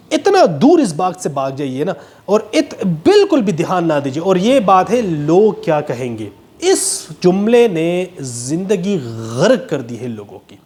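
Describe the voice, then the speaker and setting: A man's voice: high voice, darkish tone. A man giving an emphatic, preachy motivational talk straight to his viewers. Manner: emphatic, preachy, calls listeners "brother". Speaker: motivational speaker.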